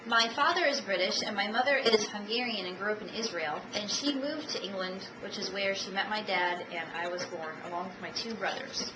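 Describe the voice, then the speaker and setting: A woman in her thirties from the United States giving a self-introduction speech for a class, measured and dotted with ums and uhs, recorded on a camcorder. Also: mid-range voice. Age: 30s. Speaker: student. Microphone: camcorder at a distance. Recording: echoey room, distant camcorder, audible noise.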